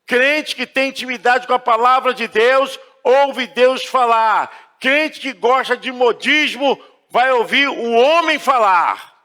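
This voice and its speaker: A Brazilian man preaching a sermon as pastor, stressing words slowly and emphatically in a church. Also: very high-pitched, in a large hall. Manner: starts hushed, then preaches with emphatic, drawn-out phrases. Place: church sanctuary.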